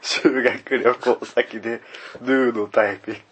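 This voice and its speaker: A man co-hosting a podcast in casual chat, teasing and answering with short, quick reactions. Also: medium pitch, steady tone, a bit bright, breathy edge. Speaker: podcast co-host.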